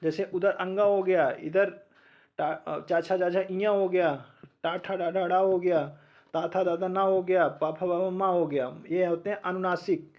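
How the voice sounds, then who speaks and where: A man's voice: high-pitched, fairly even intonation, measured pace, muffled recording. A man teaching an exam-prep lecture, asking learners questions and answering them himself, sounding out letters one by one.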